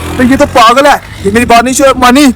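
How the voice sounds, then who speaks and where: A man's voice: extremely high pitch, a little fast. A man playing an alarmed villager who spots ghosts carrying off children and chases after them, exclaiming in a comic skit. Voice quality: excited, exclaiming.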